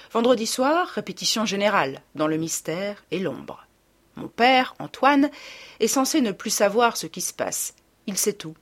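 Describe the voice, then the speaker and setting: Female audiobook narrator, low voice, expressive and wry first-person reading. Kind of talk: scripted literary narration.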